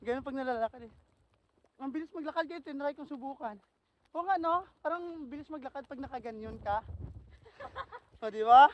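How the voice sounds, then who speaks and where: A man with an Ilonggo accent chatting casually on a walking vlog outdoors, playful and quick to laugh. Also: very high-pitched. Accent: Ilonggo Filipino. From Philippines. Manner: playful, laughs often, jokes around. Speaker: vlogger. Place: outdoors on a cold street.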